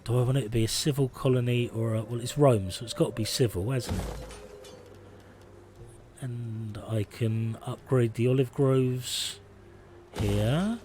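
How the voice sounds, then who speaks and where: A man's voice: medium pitch, fairly even intonation, a little slow, darkish tone, a little hiss or hum. A man in his forties streaming a strategy game, rambling and self-deprecating while reading the on-screen text aloud. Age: 40s. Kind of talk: casual gameplay commentary. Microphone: phone camera.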